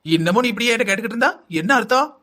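A man's voice: very high-pitched, expressive, very fast, pushed and bright, full character voice. A man voicing a fussy older mother-in-law in a cartoon, giving long kitchen instructions. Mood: bossy.

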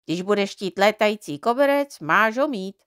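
A woman voicing a boastful, careless little boy mite from a storybook, raising her voice into a cocky, excitable tone. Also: mid-range voice, dry recording, clean studio sound, natural voice.

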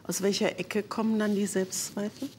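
A woman hosting a talk show, asking her guest calm, measured questions. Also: mid-range voice, slight background noise. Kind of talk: interviewing a guest.

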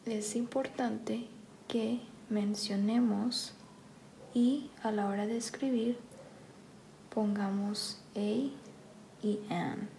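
A woman teaching an English grammar lesson, saying each sentence first in Spanish and then in English, in a soft-spoken, careful way. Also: fairly high pitch, steady tone, extremely slow, vocal fry, long pauses, a little hiss or hum, poor audio.

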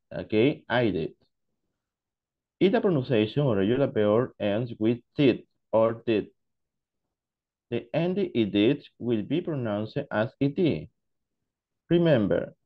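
Male English teacher from Peru, unhurried classroom explainer, dull low-fidelity recording. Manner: slow, deliberate explanations mixing Spanish and English. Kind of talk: online class lesson.

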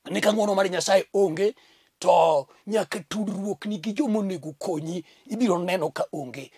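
A middle-aged Kenyan pastor preaches a fervent TV sermon from a desk on an indoor studio set, sweeping his hands and returning again and again to a refrain of thanks to God. His voice is high, husky, and a little mellow, at a normal pace, and the recording is dry.

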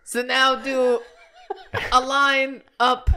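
Giggly, high-voiced woman guiding a drawing. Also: completely flat delivery, drawn-out words, bright, forceful tone. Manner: giggly, directing others step by step. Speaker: show regular. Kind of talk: casual chat while drawing.

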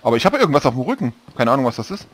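A man's voice: mid-range voice, very animated, very fast. A man hosting a survival game let's-play, chatting casually and rambling, often correcting himself mid-sentence. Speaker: gaming channel host.

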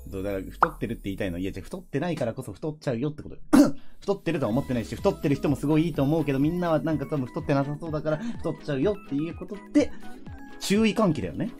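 A man's voice: on the high side, animated, very fast, warm tone, soft background music. A man streaming, chatting casually and teasingly with his viewers. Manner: teasing, bantering with chat.

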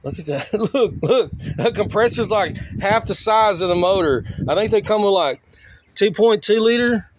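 A man whose voice sits high speaks in an animated way at a moderate pace. As host of a car crushing vlog, he rambles folksily and colloquially through an outdoor junkyard, partly talking to himself. An operator films on a handheld phone or camera, and faint outdoor noise is audible.

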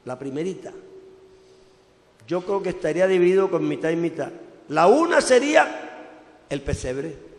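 Male pastor, high gravelly voice, preaching in a reverberant hall. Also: expressive, moderate pace, pauses often. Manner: preaching with sudden loud outbursts and quiet drops. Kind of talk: sermon.

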